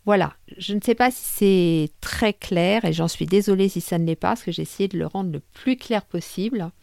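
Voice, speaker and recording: A woman's voice: mid-range voice, normal speed, vocal fry, warm tone, dry recording, clean studio sound. A woman hosting a podcast, explaining a method in a casual, conversational way with frequent fillers and self-corrections. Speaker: podcast host.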